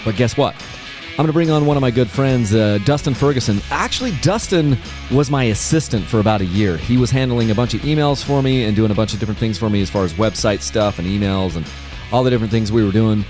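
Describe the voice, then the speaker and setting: Low-voiced man in his forties, rambling. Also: expressive, quick pace, over music. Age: 40s. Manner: rambling, many fillers and restarts. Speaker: podcast host. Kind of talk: casual podcast chat.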